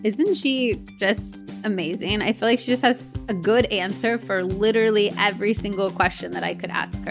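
A woman's voice: medium pitch, vocal fry. A young woman hosting a podcast, earnestly asking a guest personal questions in casual chat. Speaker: podcast host.

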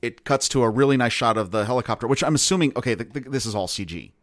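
A man co-hosting a podcast, walking through film shots methodically with halting restarts. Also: medium pitch. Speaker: podcast co-host. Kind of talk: casual film-discussion chat.

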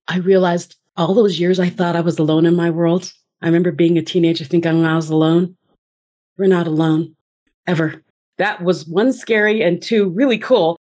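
A woman's voice: on the low side, a little mellow. A woman speaking as a podcast guest, earnestly and reflectively telling her personal story and acting out her inner voices.

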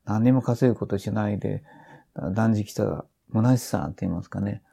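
Older man, gravelly, dark, halting rambling talk. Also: lowish voice, steady tone. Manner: rambling, with many restarts and trailing phrases. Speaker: author and podcast guest. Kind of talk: casual conversation.

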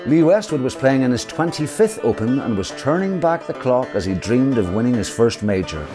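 A man's voice: mid-range voice, sing-song, normal speed. A man reading scripted narration for a sports documentary. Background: background music.

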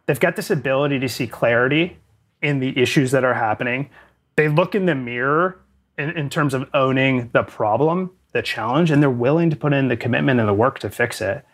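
A Canadian man speaking as a guest in a business interview, thoughtful and measured. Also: medium pitch. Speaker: guest, sales executive. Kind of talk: casual interview.

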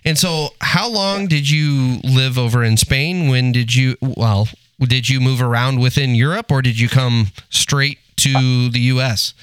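A man's voice: medium pitch, a little slow, hardly any pauses, clear, resonant tone, dry recording. A man hosting a casual podcast, joking and laughing often with his guest. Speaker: podcast host.

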